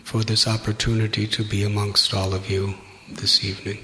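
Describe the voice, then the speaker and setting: A man's voice: fairly low pitch, completely flat delivery, pushed and bright. Reverent male preacher in a reverberant hall. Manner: solemn, reverent, measured short phrases. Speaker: visiting Hare Krishna preacher. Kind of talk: devotional address, paused for interpretation. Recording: echoey reverberant hall, noisy.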